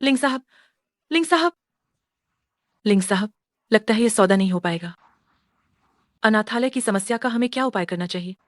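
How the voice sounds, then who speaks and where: A woman's voice: a little high, lively intonation, moderate pace, pauses often, a little hiss or hum, close to an everyday voice. An actress playing an earnest, determined young woman doctor in a Hindi drama dub.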